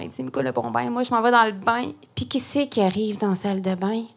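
A woman with a Quebec French accent recounts a personal experience before an audience. Her voice sits a little high, and her delivery is animated, full of restarts and emotional emphasis. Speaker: guest speaker, poet. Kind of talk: personal story told to a live audience.

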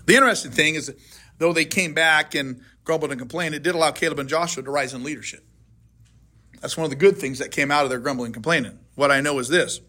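A man's voice: on the high side, fast, bright, forceful tone. A man, a pastor, leading a casual Bible study and firing questions at his group in a conversational way. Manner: conversational, asks and answers his own questions. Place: church classroom.

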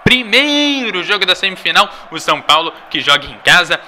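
A man's voice: high voice, sing-song, normal speed, sharp tone, slight background noise. A Brazilian man anchoring a sports broadcast with live announcements between play.

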